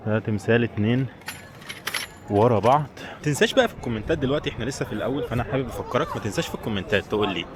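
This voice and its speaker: A man with an Egyptian Arabic accent, walking through city streets and chatting to viewers as a travel vlogger, often asking them teasing questions. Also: mid-range voice.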